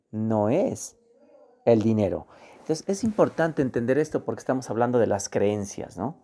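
A man's voice: mid-range voice, dark tone. A man teaching a course module on beliefs, speaking emphatically and repeating key words. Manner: emphatic, repeats words, acts out quoted voices. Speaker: course instructor. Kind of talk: motivational teaching on money beliefs.

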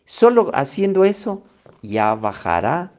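Here the coach's voice is fairly high-pitched and darkish, slow, with big swings in pitch. His motivational lesson is emphatic, full of repeated key phrases and "ok" check-ins, and the recording is slightly dull.

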